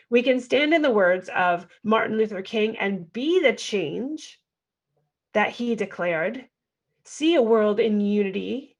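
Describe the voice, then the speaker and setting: A woman hosting a podcast, speaking in an earnest, exhorting motivational monologue that leans on rhetorical questions. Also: medium pitch. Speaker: podcast host.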